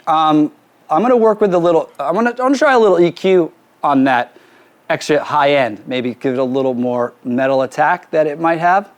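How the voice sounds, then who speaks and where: Fairly high-pitched and fairly quick, this music producer demonstrates mixing hands-on, giving his crew informal directions. He's in a drum studio set up with a kit and a PA system.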